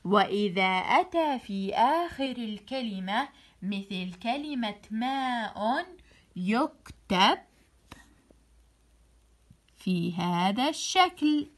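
A woman teacher giving a children's phonics lesson, drawing out letter sounds and repeating them for drilling, with warm praise. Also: on the high side, expressive, takes it slowly, long pauses. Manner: praising, encouraging.

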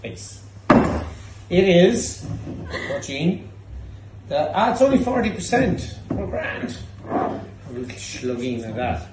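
Recorded from a distance in an echoey pub with faint noise, a Cork Irish man in his thirties tastes drinks and hosts a show full of casual, cheeky, teasing banter and free swearing. He's very animated and high-pitched, yet he speaks slowly and pauses often.

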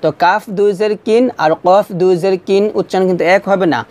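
A man teaching Quran reading, spelling out syllables one at a time and drawing out whole words slowly so learners can repeat them. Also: high-pitched, steady tone, a little mellow. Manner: patient, repetitive explaining. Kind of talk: recorded recitation lesson.

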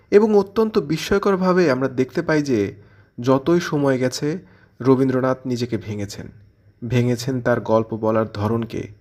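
A man presenting a literary audio channel delivers scripted literary commentary in an explanatory style, raising questions and answering them as he goes. His voice is medium-pitched and a little mellow.

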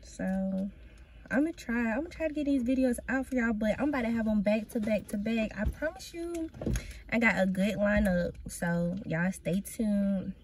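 A woman's voice: medium pitch, normal speed, darkish tone, a little hiss or hum. A woman chatting casually to camera in a vlog, laid-back and slangy, blunt and brash when she calls people out. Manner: laid-back, slangy, says "y'all" and "or whatever" a lot. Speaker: vlogger. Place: at home, eating while filming.

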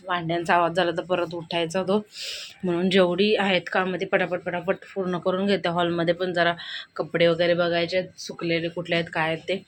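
Chatty young Marathi mother vlogging. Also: lowish voice. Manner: chatty, narrates chores as she goes. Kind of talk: casual home vlog narration. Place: home kitchen. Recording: loud background noise at home.

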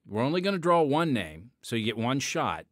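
In studio-quality audio with no echo and music running under him, a man hosting a podcast chats casually with fillers and dramatic shifts before getting to the episode intro. His mid-range voice is sing-song, a bit bright and a little fast.

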